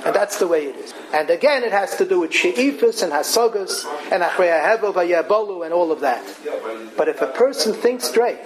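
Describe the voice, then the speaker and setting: A man's voice: high voice, poor audio. A man giving a religious lecture, telling parables with rhetorical questions and mixing in Hebrew and words. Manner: animated storytelling, rhetorical questions, Yiddish and Hebrew words mixed in. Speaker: rabbi, religious teacher.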